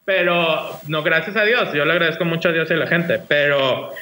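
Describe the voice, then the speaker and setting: A man with a Mexican accent, a guest, telling stories in casual chat, animated, laughing often and acting out voices. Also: a little high, normal speed, a little hiss or hum. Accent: Mexican Spanish. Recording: roomy echo.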